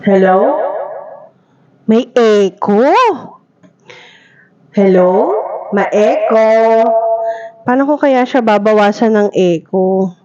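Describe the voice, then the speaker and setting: A woman's voice: mid-range voice, mellow, highs cut off, a little hiss or hum. A woman testing a karaoke microphone, her voice repeating with an echo effect from its small speaker. She talks in a casual, chatty way and mixes two languages. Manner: chatty, mixing Tagalog and English, slow and unhurried. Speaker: vlogger unboxing a toy microphone. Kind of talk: casual chatty unboxing vlog.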